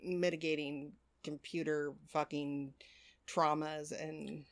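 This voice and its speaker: A woman's voice: low voice, level tone, takes it slowly. A woman in her forties co-hosting a podcast, chatting casually and rambling with frequent swearing. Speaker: podcast co-host. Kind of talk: casual chat.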